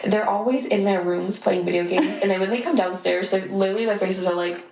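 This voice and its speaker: A woman's voice: medium pitch, fairly even intonation, brisk, gravelly, a little mellow. A young woman co-hosting a podcast in casual chat, giggly and swearing freely. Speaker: podcast co-host. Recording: echoey room with noise.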